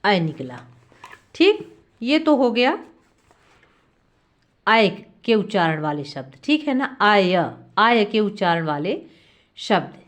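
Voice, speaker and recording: A woman's voice: medium pitch, sing-song, takes it slowly, long pauses. A woman teaching a Sanskrit grammar lesson, asking questions and answering them herself, drawing out key sounds. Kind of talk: classroom lesson explaining grammar.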